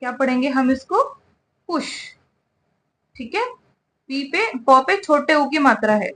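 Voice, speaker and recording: Slow, high-voiced woman teaching English words. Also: lively intonation, bright, forceful tone. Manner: slow, spells words letter by letter, repeats "ठीक है" often. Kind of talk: spoken English lesson.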